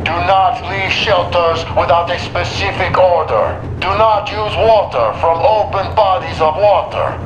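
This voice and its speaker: Stern loudspeaker announcer. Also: male voice, high-pitched. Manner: stern, measured, repeats orders. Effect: air raid loudspeaker broadcast. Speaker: civil defense announcer. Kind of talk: formal public emergency announcement. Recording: echoey and noisy loudspeaker.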